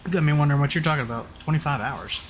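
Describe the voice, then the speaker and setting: Rapid-fire and on the high side, this man's voice comes through game-stream voice chat over steady background noise. He's from Oklahoma in the southern United States, casually teasing while live-streaming a flight simulator.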